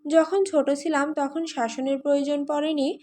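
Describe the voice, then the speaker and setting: Cheeky, pouty kid sister in a romance audiobook, read by a woman; high-pitched. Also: level tone, normal speed, darkish tone, lightly acted. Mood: teasing. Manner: teasing, pouty. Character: playful teasing young woman, younger sister.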